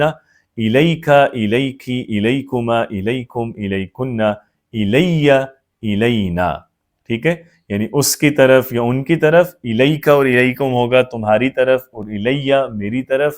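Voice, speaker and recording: Patient male Arabic grammar teacher. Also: medium pitch. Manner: patient, repeats forms, checks understanding often. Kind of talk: explanatory grammar lesson.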